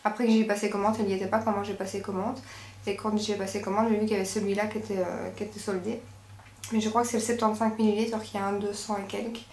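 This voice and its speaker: In an echoey room with faint background noise, a woman with a Belgian French accent talks very fast through a beauty shopping haul. Her medium-pitched voice is level and a little mellow, and she rambles and self-corrects casually.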